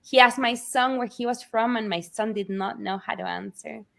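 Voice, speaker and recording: Woman author, lively storyteller. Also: fairly high pitch, normal speed, gravelly. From Argentina. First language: Spanish. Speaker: children's book author. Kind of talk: reading and interview chat.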